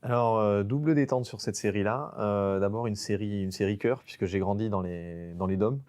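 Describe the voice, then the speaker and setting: A man's voice: fairly low pitch, moderate pace, a little mellow. A man from French Guiana, a nature photographer, talking casually in an interview with many fillers and restarts.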